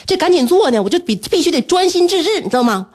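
A woman, a radio host telling a story in an animated way and laughing often. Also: quick pace. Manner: animated, laughing often, breaks into shrill scolding.

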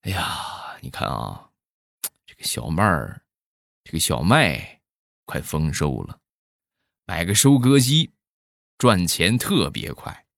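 A man's voice: big pitch swings, takes it slowly, vocal fry, long pauses, a bit bright, no echo, clean studio sound, exaggerated voice. A man doing a boastful village buddy. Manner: boastful salesy pitch.

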